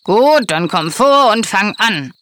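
A woman's voice: medium pitch, expressive, slow pace, noisy background, voice pushed up. A woman voicing a friendly male mayor who comforts and encourages, in a children's audio story. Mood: kindly.

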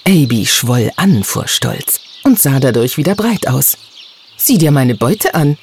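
Man reading a children's story expressively. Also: slight background noise. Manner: expressive storytelling with lively pitch. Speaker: narrator. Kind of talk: children's audiobook narration.

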